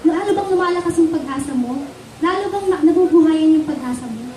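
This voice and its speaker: A woman's voice: sits high, a little fast, mellow, slight background noise. A woman with a Filipino accent preaching a sermon in Taglish, often asking the congregation for an amen. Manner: Taglish, asks the congregation for amens. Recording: echoey church hall from far off.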